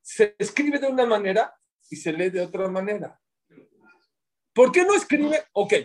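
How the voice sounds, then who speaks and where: A man's voice: high-pitched, expressive, normal speed. A man teaching a Torah class to a small group, explaining points and asking the group questions before answering them himself.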